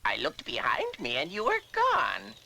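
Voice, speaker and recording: A woman playing a wicked forest witch as a very old, frail woman in a storybook drama, with a creaky, cackling, theatrically coaxing delivery. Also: sits low, huge pitch swings, unhurried, sharp tone, slight background noise, full character voice. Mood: falsely sweet, coaxing. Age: very old woman, as played. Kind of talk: dramatized storybook fairy tale.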